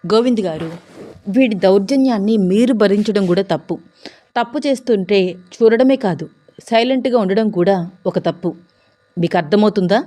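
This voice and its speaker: A woman's voice: medium pitch, moderate pace, pauses often, warm tone, lightly acted. A woman voicing a bold young male police officer who speaks firmly and seriously. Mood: stern. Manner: firm, serious, fearless.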